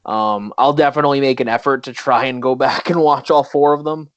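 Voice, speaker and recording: Man, podcast host, jokey, laughs often, medium pitch, muffled lo-fi recording. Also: steady tone, fairly quick, no room sound. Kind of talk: casual chat. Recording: dull lo-fi audio.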